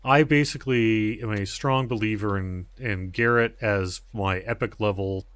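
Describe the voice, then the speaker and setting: A man's voice: fairly low pitch, normal speed, fairly bright tone, clear, resonant tone, no echo. A man hosting a gaming livestream, chatting casually and thinking aloud in an easygoing way as he answers viewers. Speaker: livestream host playing a game.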